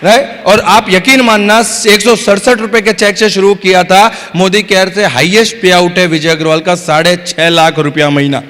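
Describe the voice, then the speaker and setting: A man's voice: sits high, normal speed, few pauses. A man giving a motivational business training talk to a live audience, full of stories, humor and "yes or no" questions to the crowd. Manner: energetic, repeatedly asks the crowd "yes or no"; storytelling with acted-out dialogue and humor. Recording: hall reverb.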